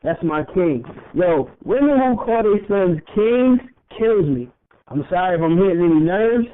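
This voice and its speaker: A young man with a high voice rambles through a casual podcast chat, swearing freely and breaking into laughs between thoughts. The audio is thin and tinny, like a phone line. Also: animated, moderate pace, clean tone. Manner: rambling, profane, laughs often. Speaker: podcast co-host.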